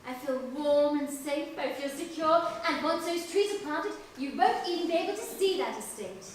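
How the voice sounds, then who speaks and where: A woman's voice: high-pitched, lively intonation, normal speed, very noisy. An actress playing a refined, anxious upper-class mother, genteel and clipped, on stage. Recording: echoey stage from far off.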